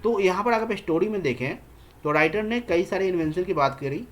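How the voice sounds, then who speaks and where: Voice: medium pitch, expressive. Teacher explaining text, frequent check-in fillers. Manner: reads English lines slowly, then explains them in code-mixed talk; constantly checks in with "theek hai" fillers. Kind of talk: exam-prep lesson explaining an English text.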